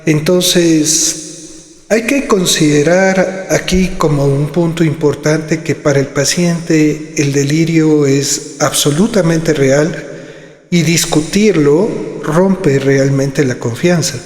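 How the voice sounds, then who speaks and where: A man who hosts and lectures on psychiatry, teaching slowly and deliberately. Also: fairly high pitch, steady tone, darkish tone. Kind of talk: lecture-style talk. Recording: echoey room with long reverb.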